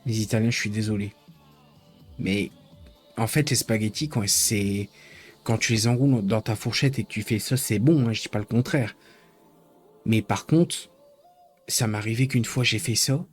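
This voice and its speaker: A man's voice: lowish voice, moderate pace, pauses often, slightly rough, soft background music. A man chatting casually with his live-stream viewers, rambling and joking as he teases the chat.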